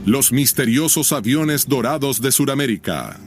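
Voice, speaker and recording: Over a music bed, a man narrates a scripted documentary in nature-documentary style, dramatic and intriguing and often posing questions. His mid-range voice is animated at a moderate pace.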